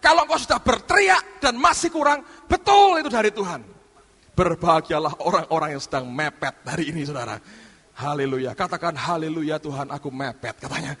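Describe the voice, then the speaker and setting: A male pastor preaching a sermon, dramatic, acting out voices, swinging from sudden shouts to hushed asides. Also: on the high side, fairly quick, breathy edge, long reverb tail.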